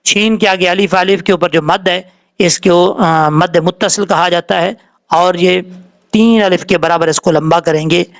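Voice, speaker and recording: A man teaching Quran recitation rules, explaining calmly and drawing out the words he demonstrates. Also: high-pitched. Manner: explains slowly, drawing out Arabic words when showing them. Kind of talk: tajweed lesson with slow demonstrations.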